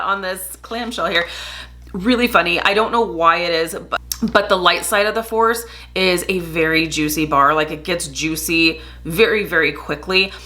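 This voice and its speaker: Woman, casual vlogger, enthusiastic, laughs a lot, bright tense tone. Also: on the low side. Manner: enthusiastic, laughs often, gushing. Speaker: home fragrance vlogger. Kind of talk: casual chatty review.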